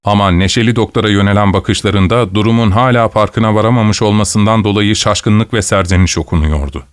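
A man narrating an audiobook in a measured, literary storytelling manner. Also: on the low side, smooth, no echo.

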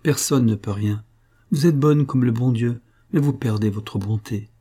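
A man voicing a distraught young country servant girl whose high, strained voice breaks into wails. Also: a little slow, warm tone, breathy edge. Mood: weary pleading.

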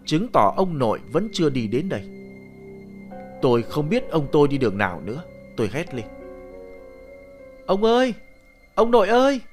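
A man narrating a ghost story in the first person, telling it with animated, expressive delivery. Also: medium pitch. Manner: animated storytelling, shouting the boy's cries.

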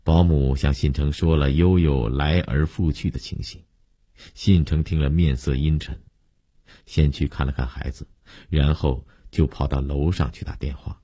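A man narrates a serialized story in a steady, measured voice. His voice sits extremely low with a husky grain. The recording is dry and close. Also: no echo.

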